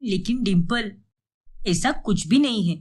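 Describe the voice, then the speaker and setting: A gentle young wife in an animated family drama speaks softly and pleadingly, voiced by a woman. Her voice sits a little lower than the narrator's but keeps a lively rise and fall. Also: unhurried. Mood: subdued. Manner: soft, pleading, subdued.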